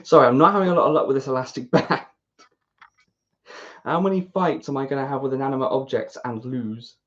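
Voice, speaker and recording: A woman's voice: rumbling low, brisk. British woman, casual self-deprecating rambler, dull lo-fi mic. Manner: chatty, self-deprecating, talks to herself. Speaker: YouTuber building a model kit. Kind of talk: casual rambling chat while building. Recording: dull lo-fi recording.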